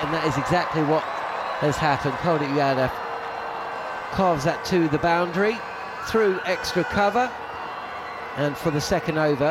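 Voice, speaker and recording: A man giving live ball-by-ball cricket commentary on the radio. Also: fairly high pitch. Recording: loud crowd and stadium noise.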